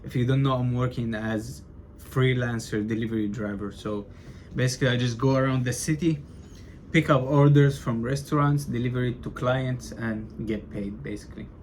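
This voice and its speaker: A man's voice: medium pitch, normal speed, a little mellow, slight background noise. Chatty young man vlogging casually. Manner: loose and chatty, says bro and like a lot, stutters. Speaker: vlogger documenting his business. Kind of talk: casual talking-to-camera vlog.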